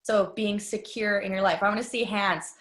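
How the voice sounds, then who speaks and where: A woman's voice: mid-range voice, steady tone, normal speed, a bit bright. Chatty woman trainer in an echoey room. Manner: chatty, confiding, tells personal stories; addresses the audience directly. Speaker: business trainer. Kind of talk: live training talk to an audience. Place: room with a live audience.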